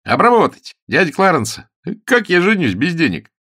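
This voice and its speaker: A man voicing a hot-tempered, jealous young gentleman who blusters and sulks, in an audiobook. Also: mid-range voice, very animated, measured pace, breathy edge, no room sound, studio quality, pitched above the performer's own voice, heavily acted. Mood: eager. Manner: blustering, sulky.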